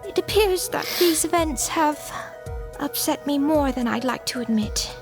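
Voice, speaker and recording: A woman's voice: high voice, animated, unhurried. A woman voicing a prim, dramatic posh unicorn mare in a fan game dub, with refined theatrical diction. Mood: refined worry. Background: music.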